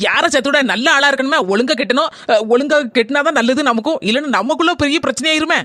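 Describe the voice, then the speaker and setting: A woman voicing a rapid-talking young wife. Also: high-pitched, sharp tone, no room sound, clean studio sound. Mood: matter-of-fact. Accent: southern Tamil. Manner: quick, matter-of-fact. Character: practical young wife, tolerant of her mother-in-law.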